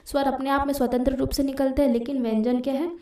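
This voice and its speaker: Female teacher, highish mellow voice, explaining patiently and repeating key terms, roomy echo. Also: level tone, fast, distant mic. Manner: explanatory, repeats and checks with "theek hai". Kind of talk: exam-prep grammar lesson.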